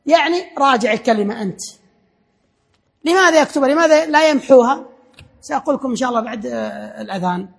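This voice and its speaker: A man lectures a class at a quick clip. His voice sits high, and he works through his points by repeating them and restarting words as he goes. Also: expressive, creaky, a bit bright, slightly rough.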